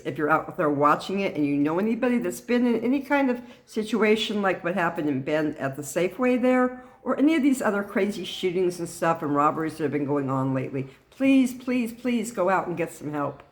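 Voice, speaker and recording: A middle-aged woman giving a personal talk to camera in an earnest, halting way. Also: on the low side. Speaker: vlogger sharing personal experience.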